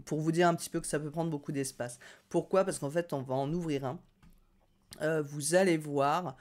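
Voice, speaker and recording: A chatty, upbeat woman walks viewers through a software tutorial on screen. She talks casually, peppering her explanations with hesitant fillers as she clicks through menus. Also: deep voice. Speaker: no-code tutorial host.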